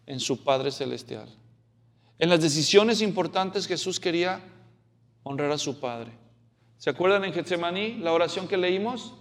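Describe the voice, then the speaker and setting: A man preaching an expository sermon. He talks in an animated way, asks the congregation questions and acts out the quotes. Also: fairly high pitch, normal speed.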